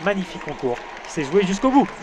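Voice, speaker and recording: A man co-commenting athletics live in audio description at a stadium, lively, calling out results and athlete lists. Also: high-pitched, fast talker. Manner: lively, fluent summaries, shouts results. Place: outdoor stadium. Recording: stadium crowd behind commentary.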